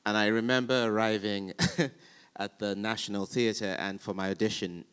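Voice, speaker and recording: Low-voiced animated actor in a hall. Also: male voice, moderate pace, clear, resonant tone. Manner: animated storyteller, chants verse rhythms aloud. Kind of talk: panel conversation, anecdotal. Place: hall with audience. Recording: long hall reverb.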